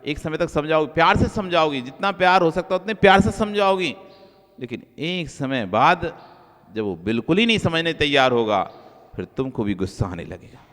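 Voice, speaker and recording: Jain monk preaching in a reverberant hall. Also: male voice, big pitch swings, normal speed. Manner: repeats key phrases for emphasis; swings between soft low asides and raised emphatic lines. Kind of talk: sermon.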